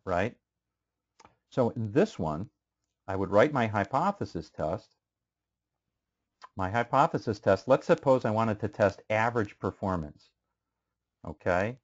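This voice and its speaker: A male instructor giving a casual statistics lecture, asking students questions and using many fillers. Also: lowish voice. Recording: muffled lo-fi classroom recording.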